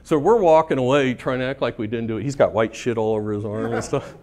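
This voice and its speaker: A man's voice: mid-range voice, fast, a little mellow. Middle-aged guy doing a loose, sweary story talk at a conference, says right? a lot. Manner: casual, profane, laughs at his own stories, keeps tagging "right?". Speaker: conference speaker. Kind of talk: storytelling talk to a live audience.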